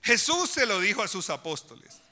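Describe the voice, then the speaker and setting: A man's voice: high voice, sing-song, normal speed, sharp tone, in a large hall. A man preaching a sermon as pastor, with emphatic delivery, addressing the congregation directly in a church.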